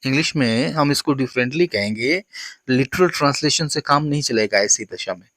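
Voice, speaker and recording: Slow-teaching man. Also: medium pitch, expressive, fairly bright tone, no echo. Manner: slow, deliberate model sentences. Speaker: English teacher. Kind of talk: spoken English lesson.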